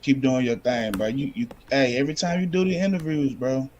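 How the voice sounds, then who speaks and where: A man's voice: medium pitch, fairly even intonation, brisk, a little mellow, a little hiss or hum. A man calling in to a live interview, friendly and laid-back, giving support. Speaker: caller. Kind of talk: call-in comment.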